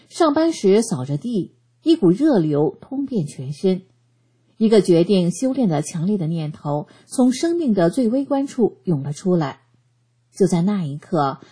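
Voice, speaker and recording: Woman reading out a personal story, warm dark tone, earnest and steady. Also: lowish voice, slightly rough. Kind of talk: scripted narration of a first-person testimony.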